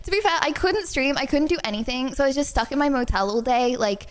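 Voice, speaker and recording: A woman from the UK with a high voice chats as a podcast guest. She giggles often and stretches out words for emphasis. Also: expressive. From United Kingdom. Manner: giggly, filler-heavy, drawn-out emphasis. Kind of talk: casual chat.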